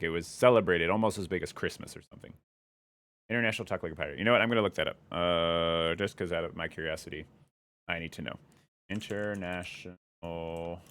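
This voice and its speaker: A young man chatting casually on a live stream, rambling and thinking out loud as he follows his curiosity. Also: low-pitched.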